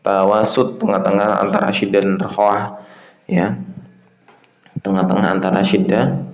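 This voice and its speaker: A man teaching Quran recitation in a casual lesson, chanting verses long and slow, then explaining them in a relaxed, loose way. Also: lowish voice. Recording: echoey, dull lo-fi sound.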